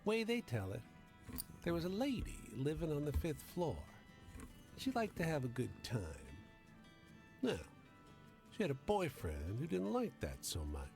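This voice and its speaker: A man's voice: on the high side, huge pitch swings, a little slow, creaky, pauses often, darkish tone, faint music behind, pitched above the performer's own voice, full character voice. A man voicing a sly, folksy woman who tells a suspenseful tale in a story game. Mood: sly, teasing. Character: sly female storyteller with a secret, playful ghostly lady. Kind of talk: video game character voice.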